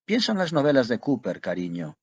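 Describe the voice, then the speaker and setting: A man's voice: mid-range voice, huge pitch swings, brisk, a little mellow, breathy edge, no echo, lo-fi sound. A man voicing a theatrical, grandiose male ex-actor who talks in florid, declamatory speeches. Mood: grandiloquent.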